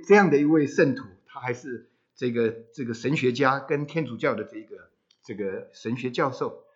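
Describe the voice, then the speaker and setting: A male pastor giving a sermon, asking the congregation rhetorical questions and swelling loud on key phrases, on a handheld microphone. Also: on the high side, dull audio. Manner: rhetorical questions to the congregation, dramatic rises in volume.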